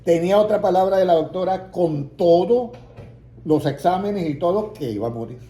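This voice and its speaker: A man's voice: high-pitched, lively intonation, moderate pace, mellow. A man preaching a testimony, telling his story and acting out the voices in it, building to emphatic peaks. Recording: roomy echo, faint ambience.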